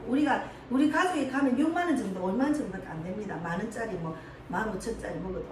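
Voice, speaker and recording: Casting: woman pastor, Gyeongsang Korean accent, high lively voice, echoey church from afar. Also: slight background noise. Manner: emotional, animated storytelling with laughs. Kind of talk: sermon with personal story. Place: church sanctuary. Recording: echoey hall, mic far off.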